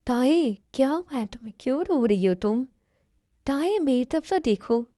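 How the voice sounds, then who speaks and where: A woman's voice: sits high, lively intonation, moderate pace, warm tone, no echo, studio quality. A woman voicing a caring young male college student in an amateur dubbed love story, talking in an earnest, soothing way.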